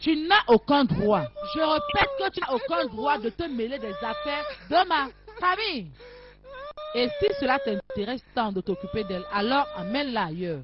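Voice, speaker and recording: A woman's voice: sits high, very animated, normal speed. An actress voicing a cruel, power-hungry young woman, commanding and scornful, in a dubbed film drama. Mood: contemptuous. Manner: scornful, commanding, shouting at times. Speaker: cruel daughter Amaka. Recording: dull lo-fi sound with faint music.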